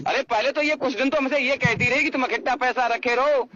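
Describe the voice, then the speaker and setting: A man with a rural North Indian Hindi accent speaks a little fast in a very high voice, repeating himself insistently as he airs a personal grievance over the phone. A noisy crowd is behind him. The recorded call sounds muffled, with hiss and clicks.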